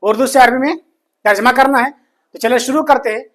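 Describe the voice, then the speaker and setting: A man teaching a grammar lesson, slowly repeating each phrase and answering his own questions. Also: very high voice, a bit bright. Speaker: Arabic teacher.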